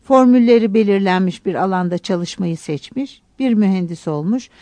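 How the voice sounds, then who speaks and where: A woman calmly reading a literary novel aloud as an audiobook narrator. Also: mid-range voice, normal speed, no echo.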